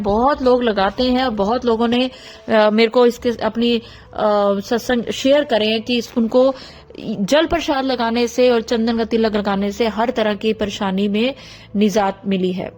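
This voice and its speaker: A middle-aged woman from India gives a devotional talk to her followers. Her voice sits a little on the high side, and she explains things patiently while speaking directly to the listeners. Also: steady tone, moderate pace, darkish tone, soft background music. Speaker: satsang speaker.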